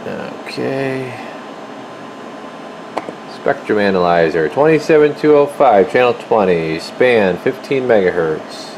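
In a mid-range voice at a slow pace, the technician informally mutters his way through a hands-on workbench demonstration for his video. The handheld camera behind the lens records in a noisy indoor radio workshop with steady equipment hum.

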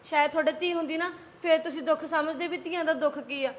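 A woman's voice: high-pitched, fairly even intonation, fast, close to an everyday voice. A young woman playing a patient daughter-in-law from Punjab, earnest and pleading. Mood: hurt. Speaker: young wife. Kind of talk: amateur village drama acting.

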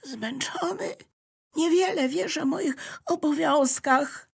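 A mopey old school notebook, played by a woman, speaking high and slow with drawn-out sighs. He sounds reluctant and a little sorry for himself in a storybook tale. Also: sing-song, breathy edge, full character voice. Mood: glum. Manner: sighing and reluctant. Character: weary glum male school notebook.

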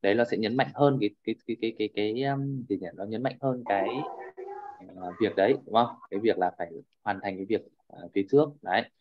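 A man's voice: lowish voice, quick pace, dull audio. A man teaching a class over a video call, often checking in with his students and repeating fillers as he explains. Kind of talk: online class lecture.

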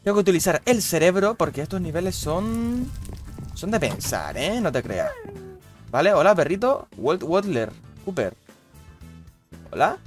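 A young man, giving casual, swear-heavy commentary over his gameplay with loud, baffled outbursts. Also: high-pitched, sing-song, measured pace, long pauses, faint music behind. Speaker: gaming youtuber.

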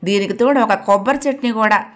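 A woman's voice: medium pitch, brisk, a bit bright, natural voice. A woman reading the lines of a lazy, petulant teenage son who complains about his breakfast. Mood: irritated. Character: sulky teenage boy, lazy, grumbling.

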